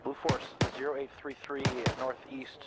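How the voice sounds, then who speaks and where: A man's voice: mid-range voice, flat delivery, moderate pace. A man giving clipped, procedural radio calls in military jargon over a walkie-talkie during a military simulation game. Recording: noisy radio with loud gunfire behind.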